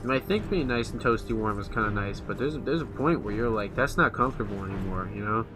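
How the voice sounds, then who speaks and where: A gamer talks through his play in a laid-back let's play, musing offhandedly while game music plays. His voice is lowish and expressive, and he talks fast.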